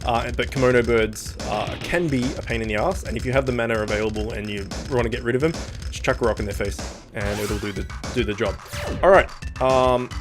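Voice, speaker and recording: A man's voice: mid-range voice, fairly even intonation, fairly quick. A man doing casual, joking, sweary commentary as he plays a video game. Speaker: let's play host. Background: video game music.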